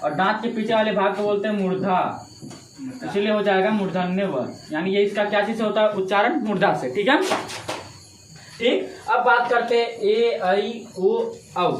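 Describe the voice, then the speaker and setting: A man's voice: high voice, moderate pace, crowd noise. A man teaching a grammar lesson, asking questions aloud and answering them himself in a repetitive classroom manner. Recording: echoey room with faint ambient noise.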